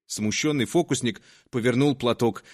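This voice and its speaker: A man reading a story aloud as narrator, in a lively, acted-out way. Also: medium pitch, moderate pace.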